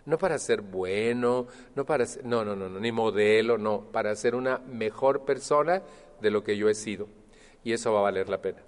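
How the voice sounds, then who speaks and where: A man speaking to a support group, animated and acting out others' voices. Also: on the low side, normal speed. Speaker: Al-Anon speaker. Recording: long hall reverb.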